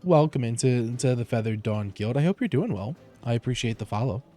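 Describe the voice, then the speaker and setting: A male streamer speaks through a livestream headset mic in a relaxed, rambling way. His voice sits at a middling pitch with a warm, mellow tone, and faint game music plays underneath. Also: fairly quick. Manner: relaxed, rambling, many fillers and restarts. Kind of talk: casual live gameplay commentary.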